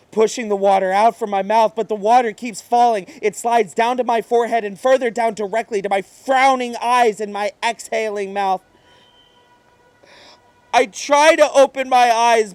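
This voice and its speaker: A man performs a terrified, exhausted madman narrator hunted by demons, his high voice unraveling in a dramatic horror monologue reading. His delivery is breathy, halting and theatrical, swinging from hush to outburst, and the recording is dry.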